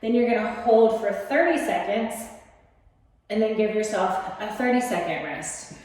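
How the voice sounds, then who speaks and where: Recorded in an echoey basement gym, a woman demonstrates workouts step by step with casual encouragement. She speaks at a moderate pace in a medium-pitched, darkish voice.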